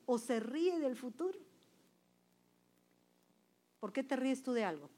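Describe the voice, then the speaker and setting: A woman's voice: high voice, lively intonation, slow. A woman preaching a sermon to a women's church group, emphatic and quizzing her listeners with questions. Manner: emphatic, swings between loud and soft.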